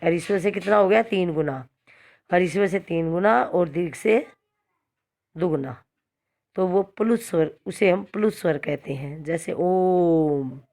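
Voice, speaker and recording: A woman teacher giving a slow, repetitive grammar lesson to children, often checking in with "okay". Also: on the low side, darkish tone. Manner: slow, repetitive explaining with frequent "theek hai" checks. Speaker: school teacher. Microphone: phone screen recording.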